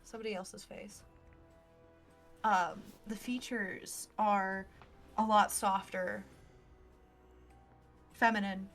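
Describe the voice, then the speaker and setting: A woman narrating a tabletop role-playing game as game master, in halting, suspenseful storytelling. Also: mid-range voice, little pitch movement, fairly bright tone. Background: faint music.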